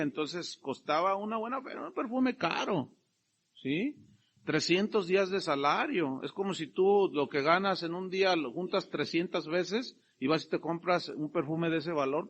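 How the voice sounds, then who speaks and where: A middle-aged man preaching a sermon, emphatic and lively, acting out the quotes he reads. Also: on the high side, dull audio. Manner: animated, emphatic, acts out quotes. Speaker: pastor.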